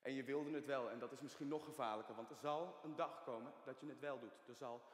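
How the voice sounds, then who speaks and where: An actor playing a calm, insistent male therapist questioning a patient on stage. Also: mid-range voice, fairly quick, close to an everyday voice. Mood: grave. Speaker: psychologist. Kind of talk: stage play acting. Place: theater stage. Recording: echoey theater hall.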